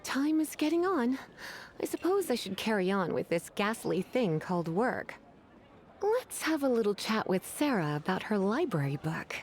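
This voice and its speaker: A woman's voice: mid-range voice, sing-song, moderate pace, a little hiss or hum, natural voice. Woman playing flirtatious, lilting witch librarian Lisa. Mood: polite, unhurried. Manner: teasing, coquettish, refined. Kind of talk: video game voice acting.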